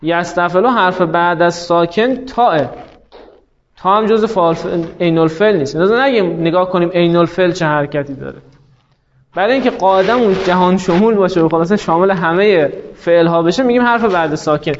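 A man teaching a class, explaining step by step and asking rhetorical questions that he answers himself. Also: high-pitched. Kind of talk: classroom lecture. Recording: dull lo-fi recording.

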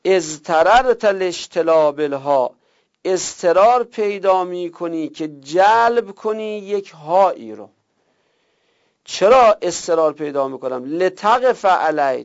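Gravelly-voiced man teaching grammar, lo-fi. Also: fairly high pitch, lively intonation. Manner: reads Arabic text aloud then explains it in colloquial Persian. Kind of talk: seminary-style grammar lesson. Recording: dull lo-fi recording.

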